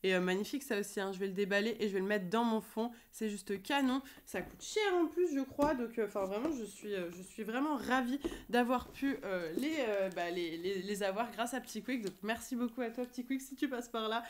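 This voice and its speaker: A woman's voice: fairly high pitch, fairly quick, hardly any pauses. A young woman chatting enthusiastically in a casual vlog in her apartment, with frequent fillers. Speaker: YouTuber. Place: her new apartment, indoors.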